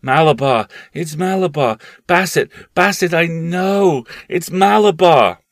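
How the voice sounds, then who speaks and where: A man's voice: expressive, measured pace, no room sound, studio quality. A man voicing a feverish, obsessed young boy who cries out shrilly in a read-aloud story. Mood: frantic. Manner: frantic, shrill crying out.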